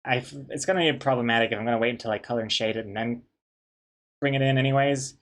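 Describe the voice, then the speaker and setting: Chatty male streamer with soft w-like Rs. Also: medium pitch, fairly even intonation, fast. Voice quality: cannot pronounce R properly, says w for r. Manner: rambling, playful, easily amused. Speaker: comic artist and streamer. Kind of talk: casual livestream chat while drawing.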